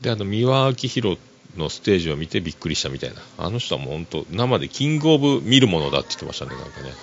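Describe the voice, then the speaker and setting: A man's voice: low-pitched, very animated, very fast. A man hosting a casual solo podcast, easygoing and chuckling, full of fillers. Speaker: podcast host. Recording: dull lo-fi recording. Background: music playing underneath.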